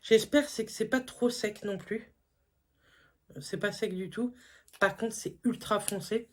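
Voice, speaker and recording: A woman's voice: medium pitch, a little slow, a little hiss or hum. A woman, chatting casually through a beauty haul, full of fillers and enthusiastic asides. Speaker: beauty vlogger.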